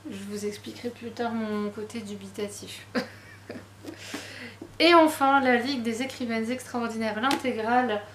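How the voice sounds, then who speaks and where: A woman's voice: a little high, moderate pace, fairly bright tone, roomy sound, a little hiss or hum. A woman chatting casually about her latest book purchases, self-deprecating and full of fillers. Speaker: book vlogger. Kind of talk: casual book haul chat.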